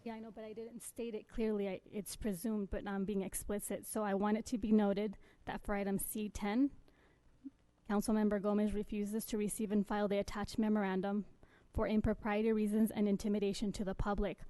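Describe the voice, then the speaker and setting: A woman's voice: mid-range voice, flat delivery, fairly quick, mellow, poor audio. A woman councilmember insistently stating her objection for the record at a council meeting. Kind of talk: council debate.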